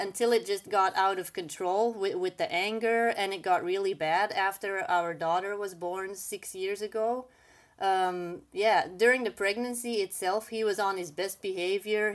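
Woman, 30s, english, candid, casual, interview guest. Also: mid-range voice. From Belgium. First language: not English. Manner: candid, casual, many "like" fillers. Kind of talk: personal storytelling.

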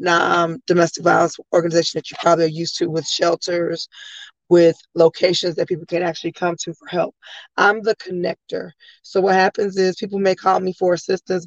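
An American woman from the Chicago area with a slightly hoarse voice, answering as a guest speaker and advocate in a conversational interview. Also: lowish voice, no echo, muffled recording. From Chicago area, United States. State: a little hoarse.

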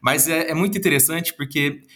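Fairly quick and a little high, his voice pushed and bright, a Minas Gerais man answers interview questions as a guest psychologist and speaker. He carries the local Brazilian Portuguese accent and responds earnestly, almost like a lecture, listing long strings of words.

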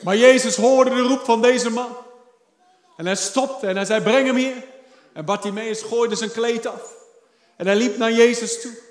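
A man preaching a sermon to a congregation, passionate, swinging between loud shouts and quiet, low passages. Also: fairly even intonation, measured pace, roomy sound. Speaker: pastor. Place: church service.

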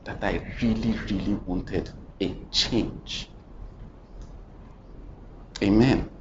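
A man preaching a sermon, dramatic, swinging between loud and hushed and asking the congregation questions. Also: fairly low pitch, fairly even intonation, very slow, noisy background. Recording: muffled recording with faint ambience.

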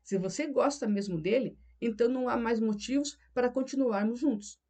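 A woman's voice: on the high side, a little fast, dark tone, natural voice. A woman reading the lines of a tense husband in an audiobook, pressing his wife with accusing questions. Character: tense, pressing married man, middle-aged.

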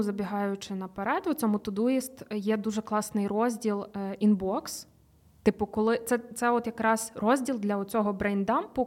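A woman's voice: medium pitch, a little mellow. A young woman co-hosting a casual podcast chat, explaining a method step by step with fillers and the odd swear word. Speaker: podcast co-host.

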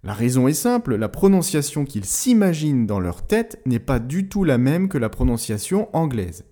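A man hosting a language-learning podcast, explaining pronunciation tips in a clear, didactic way, slowing down to model words. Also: medium pitch, very animated, dark tone. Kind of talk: scripted educational narration.

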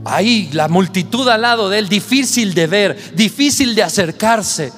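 High-voiced preacher over music. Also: male voice, expressive, moderate pace. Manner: impassioned, shouting and half-singing at peaks. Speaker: pastor. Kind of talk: sermon.

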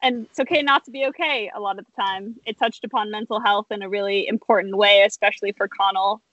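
A woman talking earnestly as a podcast guest, thoughtful and pausing on fillers. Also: mid-range voice, steady tone, a bit bright, dry recording, lo-fi sound. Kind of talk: casual chat.

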